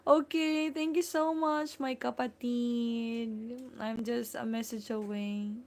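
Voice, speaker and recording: A woman's voice: a little high, fairly even intonation, takes it slowly. A woman with a Filipino accent hosting a casual live stream from home, chatty and full of fillers as she greets and thanks viewers by name. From Philippines.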